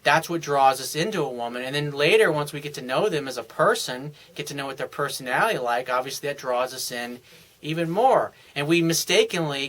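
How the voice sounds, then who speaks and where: A male dating coach answers a viewer's question in a monologue, handing out blunt, emphatic advice with plenty of swearing. His voice is slightly high with a fairly bright tone, and he keeps repeating and restarting his phrases.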